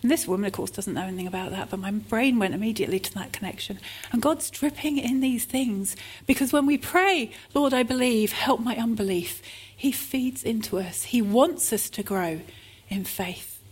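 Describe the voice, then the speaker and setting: A woman's voice: a little high, normal speed, slightly rough. A woman preaching a sermon, telling stories in an earnest, heartfelt way.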